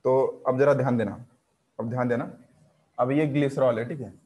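A man's voice: mid-range voice, steady tone, mellow. Man teaching biology, quizzing students. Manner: quizzes students with rapid questions; mixes English terms into Hindi, repeats key words. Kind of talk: live online class lecture.

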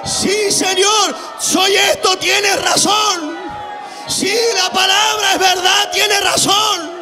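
A man preaching who acts out a desperate, humbled foreign woman pleading loudly and slowly. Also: extremely high pitch, little pitch movement, over a noisy crowd, pitched above the performer's own voice, heavily acted. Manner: shouted, drawn-out pleading.

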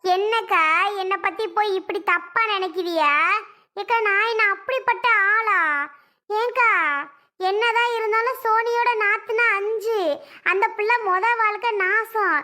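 A woman's voice: very high voice, steady tone, measured pace, pushed and bright, full character voice. A woman voicing a melodramatic sister-in-law who protests in a whiny, pleading, tearful wail.

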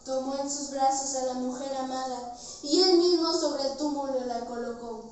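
A teenage girl with a central Mexican accent performs a grand poetry declamation in a high voice. Her delivery is solemn and theatrical, projected across the room. She is recorded from a distance in a very echoey space. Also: steady tone, normal speed, a little mellow. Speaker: student reciter. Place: indoors, bare tiled-floor room. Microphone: far camera. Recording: distant mic, very echoey room, faint noise.

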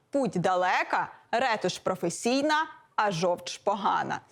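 A woman with a fairly high voice presents a grammar lesson from a script. She moves steadily through lists of example words, one after another, in a measured teaching manner. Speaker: philologist presenter. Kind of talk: scripted educational explanation.

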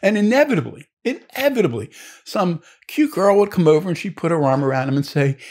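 A man's voice: high-pitched, sing-song, fairly quick, a little mellow. An older man, a naval historian, telling long rambling stories from his student days with many restarts and asides. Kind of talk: anecdotal storytelling.

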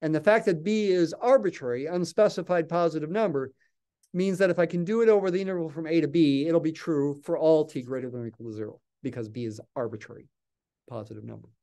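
Older man, math lecturer, patient explaining, mellow tone, smooth voice, desk mic. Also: a little high, fast talker. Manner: patient, thinking aloud while writing. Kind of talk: recorded calculus lecture.

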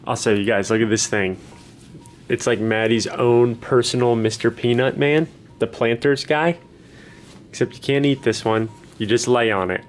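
A man's voice: medium pitch, steady tone, moderate pace, a little hiss or hum. A man in his twenties chatting casually as a vlogger, recorded on a handheld camera in a hospital room. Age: 20s. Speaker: vlogger, expectant father. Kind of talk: casual vlog chat. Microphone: handheld camera at arm's length.

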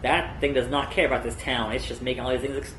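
A man's voice: mid-range voice, fairly even intonation, fast, fairly bright tone. A man in his thirties giving casual, playful gameplay commentary with wry understatement. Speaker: gamer showing a game to his grandfather. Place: furnished living room, indoors. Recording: echoey room, faint background noise.

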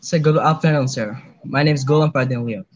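A man's voice: medium pitch, brisk, dull audio. A teenage boy from Bangladesh, a student guest answering questions politely in simple English over a video call, often saying "sir". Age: teens. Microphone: webcam on video call.

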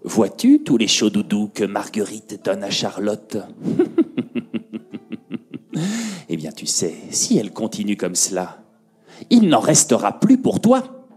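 A man's voice: high voice, sing-song, moderate pace, creaky, a little mellow, breathy edge, pitched above the performer's own voice, full character voice. A man putting on a sneering wicked witch. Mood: sly whisper. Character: wicked scheming old witch, sly and whispering.

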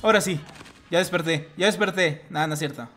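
A man streaming a mobile shooter, giving excited live gameplay commentary, bursting into shouts and repeating phrases in quick doubles. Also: a little high, a little hiss or hum.

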